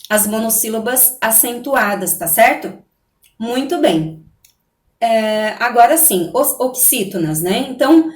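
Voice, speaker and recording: A patient woman teacher walks young pupils through a lesson, step by step, often pausing to check they follow. Her voice sits a little high, and the room around her is echoey. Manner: patient, repeats "né?" and "tá certo?" often. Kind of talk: recorded online class.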